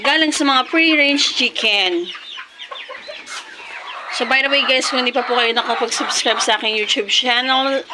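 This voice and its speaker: Woman vlogger, playful and teasing, high voice, outdoors with roosters and hens clucking. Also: moderate pace, long pauses, noisy background. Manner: playful, teasing, mixes English and Tagalog; calls to chickens in high clucking cries. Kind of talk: casual vlog. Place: backyard chicken coop, outdoors.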